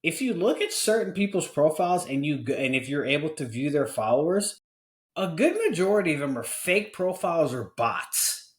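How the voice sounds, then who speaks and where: A man's voice: a little high, big pitch swings, moderate pace, roomy sound. A man of forty hosting a podcast, talking candidly and earnestly in casual conversation, often restarting his sentences. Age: 40s. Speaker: podcast host.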